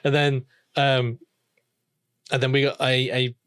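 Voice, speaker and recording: Give me a podcast co-host who tells a story slowly and easily, full of ums. The voice sits at a middle pitch. The sound is dry and close, with no room in it. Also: clean tone, no echo. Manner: relaxed, drawn-out storytelling with fillers. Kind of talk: casual chat.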